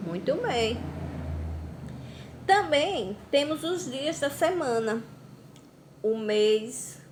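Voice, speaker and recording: A Brazilian woman teaching a recorded class to young children, slow and patient, drawing out words. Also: on the high side, a little hiss or hum. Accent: Brazilian Portuguese. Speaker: primary school teacher. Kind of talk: recorded remote class lesson.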